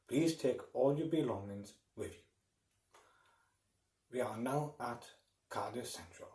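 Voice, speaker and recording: A man making formal, measured scripted train announcements over the intercom. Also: mid-range voice, darkish tone. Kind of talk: scripted public address announcement. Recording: echoey, distant intercom sound.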